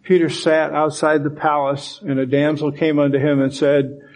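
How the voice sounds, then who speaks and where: A man's voice: a little high, flat delivery, normal speed. A man preaching a sermon, reading scripture aloud and explaining it with emphasis. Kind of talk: sermon Bible teaching.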